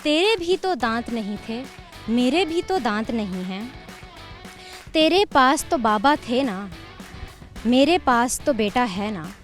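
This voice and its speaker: A young woman student with a high voice speaks slowly and deliberately. She recites verse in a measured, expressive way. Faint music sits under her voice. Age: young adult. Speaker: university student, interviewee. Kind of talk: interview answers and poem recitation.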